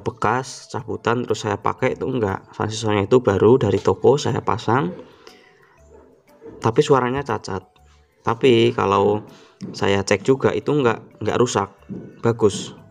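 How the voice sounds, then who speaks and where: A man with a low, gravelly voice talks through an electronics repair tip in a loose, casual way. He repeats himself, uses plenty of fillers and often clears his throat. Faint music plays underneath. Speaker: electronics hobbyist channel host. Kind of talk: casual how-to talk to camera.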